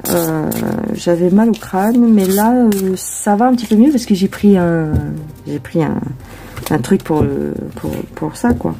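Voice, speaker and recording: A woman's voice: mid-range voice, measured pace, dark tone, slight background noise. A woman tarot reader chatting casually before a reading, rambling with many hesitations and asides to herself.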